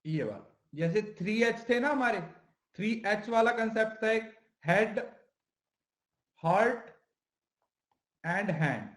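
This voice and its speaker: A man's voice: high voice, lively intonation, slow, pauses often, a bit bright, echoey room. A male teacher giving an exam-prep lecture in Hindi mixed with English, who asks questions and answers them himself and repeats the key terms.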